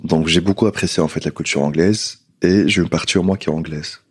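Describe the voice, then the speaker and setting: A man, a podcast guest speaking casually and haltingly, often restarting and repeating words. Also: sits low, fairly even intonation, breathy edge. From Tunisia. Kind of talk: casual conversation.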